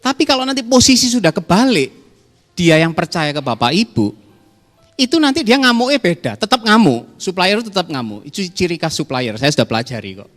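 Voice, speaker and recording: Man, pastor, lively sermon, talks straight to the congregation, long church reverb. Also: high-pitched, brisk. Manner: lively, acts out quoted callers in a raised voice; conversational, addresses the congregation directly. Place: church hall. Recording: reverberant church hall with soft music.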